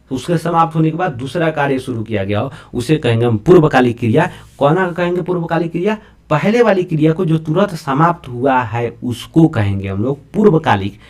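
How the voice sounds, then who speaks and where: A man teaching grammar, explaining lively and checking whether students follow. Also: a little high. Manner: lively, repeatedly checks understanding with rhetorical questions. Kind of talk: classroom-style lesson explaining to students.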